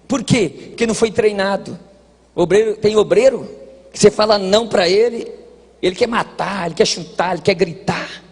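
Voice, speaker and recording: A Brazilian man preaching a sermon at a church congress, folksy and joking, dropping to quiet asides and rising to shouted exhortation. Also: high-pitched, moderate pace, breathy edge. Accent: Brazilian Portuguese. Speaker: pastor. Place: large church hall at a congress. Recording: hall reverb, long echo.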